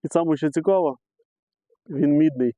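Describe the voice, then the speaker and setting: A man's voice: a little high, moderate pace, dark tone, dry recording. A middle-aged man filming himself metal detecting outdoors on a meadow, chatting casually to his viewers and calling them friends as he digs. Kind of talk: casual commentary to camera while digging. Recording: slightly dull lo-fi recording.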